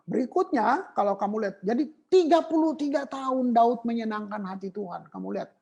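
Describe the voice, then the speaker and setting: A woman preaching a sermon on worship, emphatic and animated, mixing in English terms. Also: a little high, fairly quick, creaky, breathy edge, highs cut off.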